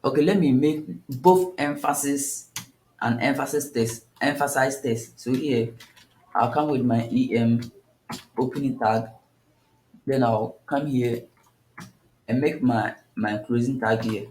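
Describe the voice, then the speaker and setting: Slow, echoey male coding tutor. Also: medium pitch, a little mellow, a little hiss or hum. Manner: unhurried, thinking aloud with frequent restarts. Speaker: coding instructor. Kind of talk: step-by-step screen tutorial. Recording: echoey room.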